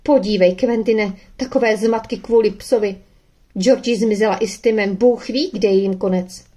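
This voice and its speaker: A woman reading an audiobook voices a patient but exasperated mother gently scolding her daughter. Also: medium pitch, steady tone, lightly acted. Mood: dismayed. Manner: coaxing, mildly exasperated.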